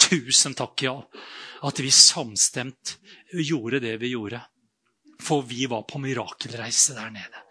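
A middle-aged male pastor preaching a sermon and telling a story, moving from quiet talk to loud exclaimed bursts. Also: mid-range voice, breathy edge.

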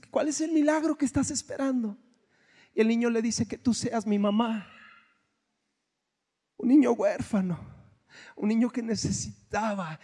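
A man preaching a sermon, swinging from hushed lines to shouts. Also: very high voice. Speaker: pastor. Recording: long hall reverb.

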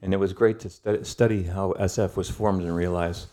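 A middle-aged man with a very deep voice gives a conversational history lesson as a podcast guest. He tells it in a thoughtful, storytelling way, pausing and searching for words. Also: fairly even intonation, warm tone. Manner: thoughtful, storytelling, with pauses and fillers.

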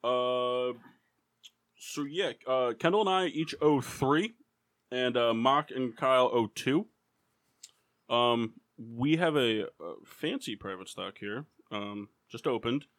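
A man hosting a casual sports and beer podcast, running a trivia game in a halting, rambling way with lots of ums. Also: mid-range voice, a bit bright. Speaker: podcast host. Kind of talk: casual drinking podcast chat.

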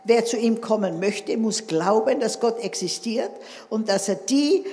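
A woman delivers a forceful sermon in a hall with long reverb, often calling out for an amen from the congregation. Her voice is fairly high, warm and husky, animated yet unhurried.

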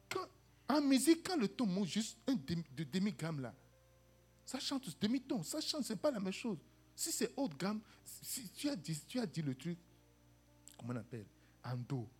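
A woman with a fairly low voice preaches an animated sermon, calling out to the congregation for "Amen" and "Alléluia" and acting out the voices of people in her stories. Slight background noise is present.

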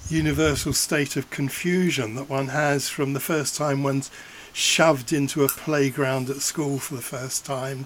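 A man interviewing a guest, asking questions in a gentle, thoughtful way. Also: medium pitch, slight background noise.

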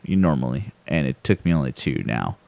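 A man with a low voice talks through a story in a loose, rambling way, full of fillers and restarts. He throws himself into the other people's lines as he tells it. The sound is dry, with no room around it. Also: expressive, a little fast, gravelly, darkish tone, no echo. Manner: acts out people's lines in a raised voice when telling stories. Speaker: podcast host. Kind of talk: casual chat, storytelling.

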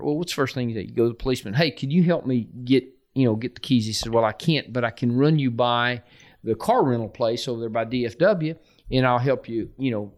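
A middle-aged man, a football coach, tells a story in a relaxed, chatty way. He slips into the voices of the people in it as he goes, laughing along with his own tale. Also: medium pitch. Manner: lively anecdote, acts out quoted voices with laughter. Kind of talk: casual storytelling.

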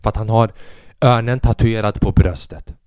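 A young man hosting a podcast, telling a comic, profane story as an animated rant. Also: on the low side, clean tone, dry recording. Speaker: podcast host. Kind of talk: comedic ranting monologue.

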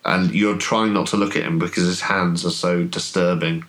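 A man's voice: deep voice, steady tone, moderate pace, a bit bright. A man running a tabletop horror game as game master, describing scenes and laughing often.

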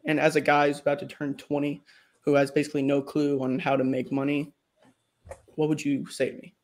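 Young man with a higher voice, hesitant. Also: completely flat delivery, fairly quick, darkish tone. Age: 20s. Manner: hesitant, many ums, polite. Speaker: caller. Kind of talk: asking a question on a video call.

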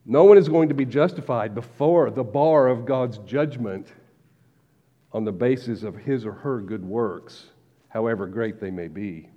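A man preaching a sermon as pastor, measured, slowing down to stress key words. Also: mid-range voice. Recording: dull lo-fi recording with long hall reverb.

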